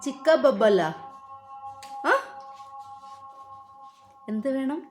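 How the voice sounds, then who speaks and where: A mother gently and patiently coaxing her small son with repeated questions in a casual home video. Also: high voice, expressive, extremely slow, faint music behind. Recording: echoey room.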